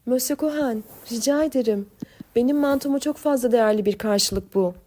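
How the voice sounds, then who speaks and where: A desperate young woman speaks in a storybook reading, her voice lifted above the narration and pressing with urgency. She begs and coaxes, warm and soft-edged, as a woman reader acts her out. Her tone stays earnest throughout. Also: a little high, brisk, natural voice. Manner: pleading, urgent. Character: desperate young woman pleading, then coaxing.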